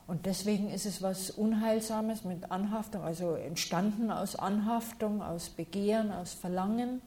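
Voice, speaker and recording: A woman working as a meditation teacher, calmly and patiently answering questions from listeners during a talk. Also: mid-range voice, normal speed.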